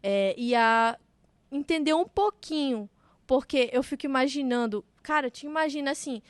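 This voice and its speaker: High-voiced mother, dry close sound. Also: normal speed, dry recording. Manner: explains parenting ideas thoughtfully, with examples. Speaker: podcast co-host and mother. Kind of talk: casual podcast chat.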